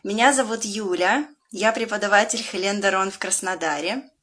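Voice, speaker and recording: A woman with a Russian accent, who teaches English to young children, reads a picture book aloud as an animated storyteller. Her pitch swoops and leaps way up, and she stretches her questions out slowly.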